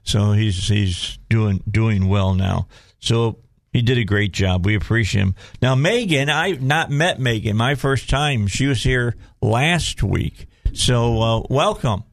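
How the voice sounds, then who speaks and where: A man's voice: lowish voice, slow, gravelly, dry recording, clean studio sound. A man with a Southern US accent hosting a casual talk radio show in a folksy way, often repeating phrases as he goes.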